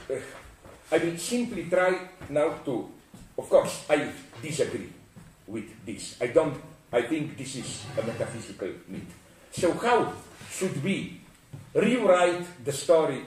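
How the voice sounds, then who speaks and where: A man from Slovenia lecturing on philosophy, breaking off mid-sentence and circling back with asides. His voice sits at an ordinary middle pitch. It reaches the mic from a distance, in an echoey room. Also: a little mellow, a little hiss or hum. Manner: digressive, self-interrupting, with frequent asides.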